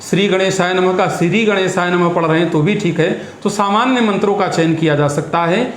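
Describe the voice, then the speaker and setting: Speaking as a guest astrologer and priest, this man has a somewhat high voice. He lays out ritual practice carefully, like a teacher, sprinkling in Sanskrit words, while the echoey room carries a faint hum of noise.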